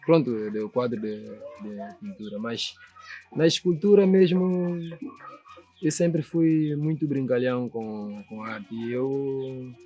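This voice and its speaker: A man's voice: medium pitch, fairly even intonation, slow pace, dull audio, soft background music. A man from São Tomé with a São Tomé Portuguese accent, a sculptor speaking earnestly and reflectively in a documentary interview, often checking that the listener understands. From São Tomé and Príncipe. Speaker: sculptor and painter.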